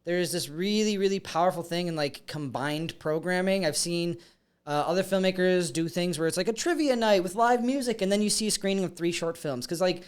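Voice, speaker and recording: A man's voice: sits high, brisk, clean tone. A man who is a filmmaker, speaking as a podcast guest in a casual, filler-heavy way. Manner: casual, filler-heavy, trails off mid-thought. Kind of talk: casual chat.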